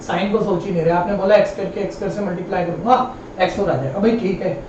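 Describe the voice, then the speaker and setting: A male maths teacher explains each step slowly and repeats himself patiently, to his students like a familiar elder. His voice comes some distance across a very echoey classroom. The sound is dull and lo-fi, with a faint hiss behind it. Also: high voice, darkish tone. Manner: patient, repetitive, addresses students as kids and brother. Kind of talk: live online classroom lesson.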